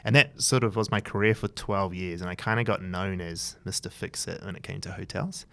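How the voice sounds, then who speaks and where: A man's voice: low-pitched, steady tone, a little fast, vocal fry, fairly bright tone. A man in his thirties from New Zealand with a New Zealand accent, telling his story in a loose, rambling interview chat full of fillers and restarts. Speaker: guest, entrepreneur. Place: his office.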